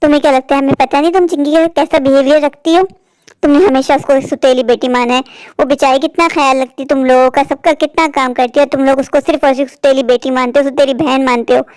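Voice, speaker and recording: A woman's voice: high-pitched, steady tone, quick pace, a little mellow, no room sound, lightly acted. A woman doing an outspoken, lecturing neighbor aunt. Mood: indignant. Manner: lecturing, indignant. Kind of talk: cartoon voice acting.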